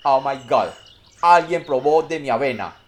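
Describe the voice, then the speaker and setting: A blustering papa bear from a comic storybook tale, put on by a male narrator, loud and commanding. He barks orders at his family in a raised, pushy voice. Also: mid-range voice, lively intonation, normal speed, slight background noise, lightly acted. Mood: alarmed.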